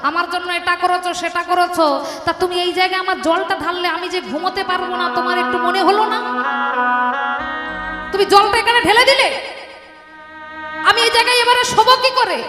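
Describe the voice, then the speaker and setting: Woman voicing an impatient grown son in a storytold kirtan, high, rapid scolding, echoey hall with music behind. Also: sharp tone. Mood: angry. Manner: quick, scolding, exasperated. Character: impatient grown son, irritable, sleep-deprived.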